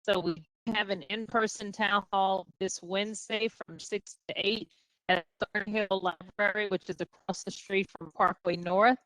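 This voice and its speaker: A woman's voice: medium pitch, steady tone, unhurried, fairly bright tone, no room sound, rough recording. Woman on a choppy group voice chat. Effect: voice over an online group call, audio cutting out. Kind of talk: town hall announcements over a group call. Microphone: computer mic on a video call.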